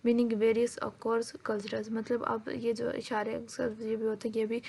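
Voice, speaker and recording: Flat-voiced woman lecturing. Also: fairly high pitch, normal speed, gravelly, breathy edge. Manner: says "ठीक है" again and again, with many "अ" fillers; mixes English terms into her explanation. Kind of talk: exam-prep lecture.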